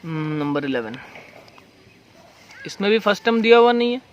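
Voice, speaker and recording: Man, high voice, math tutor, step-by-step explaining, faint hiss behind. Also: big pitch swings, moderate pace, dull audio. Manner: explains step by step, repeats questions and answers them himself. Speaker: math teacher. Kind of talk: recorded math lesson.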